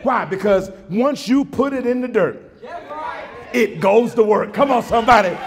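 A male pastor preaching a sermon with call-and-response, swinging from shouts to hushed lines. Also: extremely high pitch, normal speed, some chatter behind. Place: church sanctuary.

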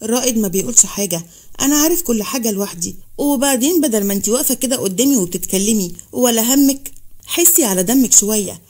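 A woman's voice: on the high side, animated, quick pace, warm tone. A woman with an Egyptian accent voicing a stern middle-aged father who scolds in a harsh, accusing way. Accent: Egyptian Arabic.

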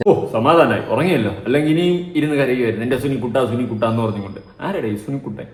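A man's voice: medium pitch, rapid-fire, slight background noise. A man giving mocking, sarcastic commentary in a vlog. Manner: sarcastic, mocking, mimics crying voices. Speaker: vlogger. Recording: echoey room.

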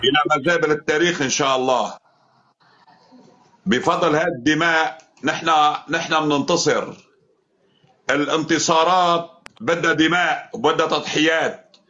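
Fervent man, bright lo-fi voice. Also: fairly high pitch, normal speed, slight background noise. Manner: fervent, denouncing, repetitive. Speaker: live stream host. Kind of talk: heated political live chat.

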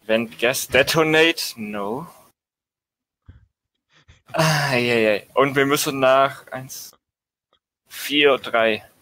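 Bright-voiced man calling out letters. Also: mid-range voice, drawn-out words, pauses often, dry recording, low-quality recording. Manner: calls out numbers and letters in bursts, swears under stress. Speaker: let's play host. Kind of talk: casual gameplay chat.

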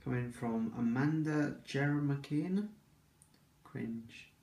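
A man's voice: medium pitch, fairly even intonation, takes it slowly, creaky, darkish tone. A young man in a casual vlog, sarcastically reading out comments and giving dry comebacks, recorded in an echoey room with the camera at a distance. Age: young adult. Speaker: vlogger. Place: small indoor room at home. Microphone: camera mic a little away.

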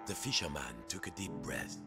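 An actor narrating a video game like a storybook, theatrical and playful. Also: male voice, low-pitched, lively intonation, normal speed. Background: game music.

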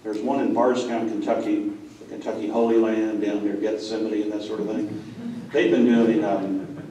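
A middle-aged man speaks to a conference audience in a plainspoken, storytelling way, his voice low and dark. He is picked up from across the room, so it sounds distant and very echoey, with a faint hiss behind him. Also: flat delivery, moderate pace. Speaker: school president. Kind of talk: conference talk. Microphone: far room mic.

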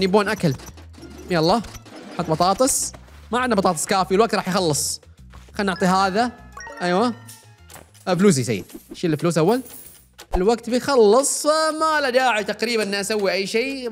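A man's voice: high-pitched, lively intonation. A young man giving casual, joking let's-play commentary as he plays a cooking game. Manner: fast, chatty, jokes with the game's customers. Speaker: gaming YouTuber. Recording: faint game music behind.

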